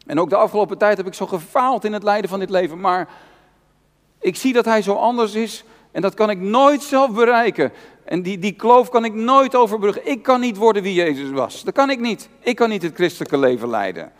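A man's voice: high voice, lively intonation, fairly quick. A male pastor preaching an earnest, personal sermon, repeating key phrases for emphasis. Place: church hall. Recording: long church reverb.

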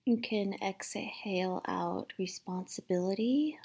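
A woman leading a guided meditation in a soft, soothing, unhurried manner, with long pauses between instructions. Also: mid-range voice, gravelly, slightly rough. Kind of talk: guided meditation, instructing listeners to relax and breathe.

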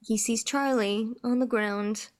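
A woman's voice: on the high side, fairly even intonation, unhurried. A woman co-hosting a podcast, recapping a TV episode in easygoing chat and laughing often. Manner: easygoing, laughs often, many "like" and "you know". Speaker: podcast co-host.

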